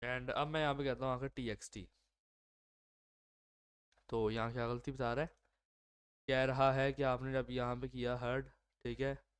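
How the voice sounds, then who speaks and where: A man's voice: medium pitch, level tone, a little slow, pauses often, smooth. A man with a sore throat talking through his code in a casual coding walkthrough, thinking aloud with lots of fillers and self-corrections. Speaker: coding tutorial host. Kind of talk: screen-recorded coding walkthrough.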